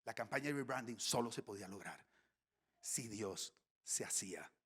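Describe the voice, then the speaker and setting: On a church stage before a congregation, a male pastor with a lowish, slightly breathy voice delivers a sermon at normal speed. He's animated, telling stories with comic flair and occasionally dropping into a whisper.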